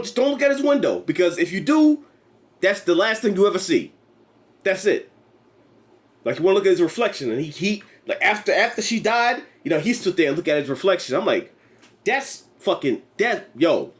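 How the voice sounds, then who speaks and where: Animated man swearing through a casual review. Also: high voice, a little fast. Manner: animated, profane, acts out quotes in put-on voices. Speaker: co-host of a movie review show. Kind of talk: casual chat.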